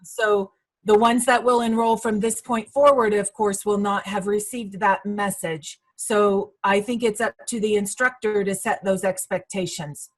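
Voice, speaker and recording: Measured woman answering questions on a call. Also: mid-range voice, steady tone, poor audio. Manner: measured, informative, with frequent fillers. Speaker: college staff trainer. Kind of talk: video call training session. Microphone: video call.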